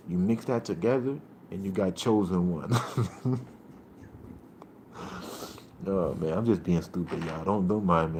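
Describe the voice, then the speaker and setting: A man's voice: sits low, a little hiss or hum. Rambling streetwise man hosting a livestream. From Puerto Rico. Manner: rambling, streetwise slang, shouting out viewers. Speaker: livestream host. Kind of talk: casual livestream chat.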